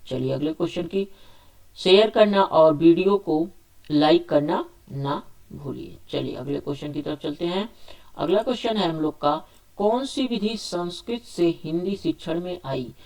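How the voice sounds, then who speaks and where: This time the male teacher sounds animated and gravelly, his voice on the high side with a darkish tone, at normal speed. He conducts a spoken exam quiz, reading, asking, and answering each question while restating the options again and again.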